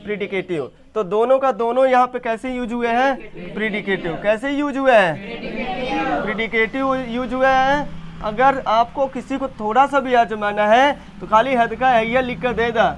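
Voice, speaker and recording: A young man teaching an English grammar class, quizzing students and repeating sentences slowly. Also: extremely high pitch, a crowd in the background. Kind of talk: classroom lesson.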